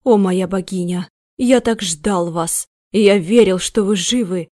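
A woman's voice: medium pitch, lively intonation, a little slow, warm tone, no room sound, clean studio sound, close to an everyday voice. A woman voicing an obsessed, frantic thin man in his thirties, pleading in a rapturous way.

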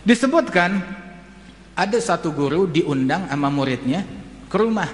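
A male preacher, telling stories in an animated sermon and acting out the characters. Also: a little high, normal speed. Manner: animated, acts out quoted characters. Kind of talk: sermon storytelling. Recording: echoey hall reverb.

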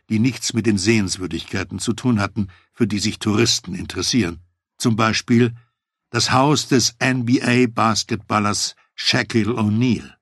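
A man reading a first-person memoir aloud as an audiobook narrator, in a measured, matter-of-fact way. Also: fairly low pitch, fairly bright tone, slightly rough, no echo, clean studio sound.

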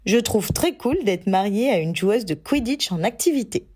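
A woman's voice: mid-range voice, expressive, moderate pace, darkish tone, husky. A woman voicing a reluctant young wizard hero who speaks in a dry, ironic way. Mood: wry.

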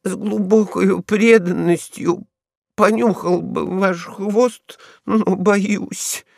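A trembling little stray dog. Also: male voice, high-pitched, steady tone, slow, gravelly, a bit bright, no room sound, studio quality, voice pushed up, exaggerated voice. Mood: fawning. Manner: timid, servile, trembling. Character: small frightened male stray dog, fawning.

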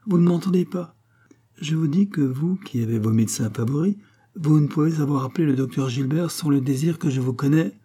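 A man's voice: mid-range voice, fairly quick, dark tone, breathy edge, pitched above the performer's own voice, close to an everyday voice. A man reading a novel aloud, playing a stubborn, fretful king who talks in an insistent, peevish way.

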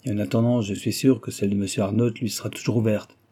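A man voicing a dignified, gentle young orphan heiress in an audiobook, measured and composed, in his own husky voice. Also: fairly low pitch, steady tone. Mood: earnest. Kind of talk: audiobook character reading.

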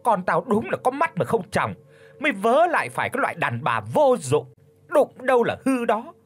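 A man voicing a spiteful old woman, a bullying mother-in-law, in a shrill, sharp-tongued scolding voice. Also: very animated, slightly rough, full character voice. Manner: scolding, fast accusing questions. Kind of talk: audiobook character voice.

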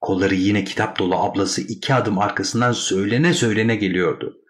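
A man narrating a classic short story in a measured, wry storytelling manner. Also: lowish voice, fairly even intonation, a little hiss or hum.

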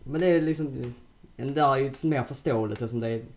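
A man with a Scanian accent co-hosting a podcast, telling lively stories in slangy casual chat. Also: mid-range voice. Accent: Scanian Swedish. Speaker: podcast co-host.

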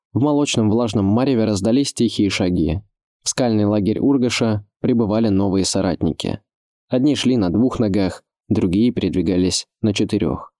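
A man giving measured, scripted audiobook narration. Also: lowish voice, dark tone, dry recording, clean studio sound.

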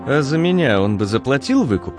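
A man's voice: mid-range voice, very animated, fairly quick, music in the background, voice pushed up, lightly acted. A man voicing a wary, sardonic young man who talks in a dry, skeptical way.

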